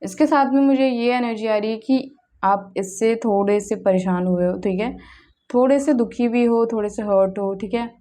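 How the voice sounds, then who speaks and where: A woman's voice: on the high side, moderate pace, mellow. A young woman giving a casual, chatty tarot reading to her viewers, often checking in with "okay?" and mixing in English words. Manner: chatty, keeps asking "okay?" and mixes in English. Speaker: tarot card reader.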